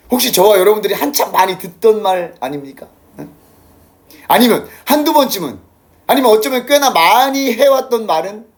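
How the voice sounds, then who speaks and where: High, animated Korean pastor preaching. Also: male voice. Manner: conversational, asks the congregation questions. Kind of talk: sermon.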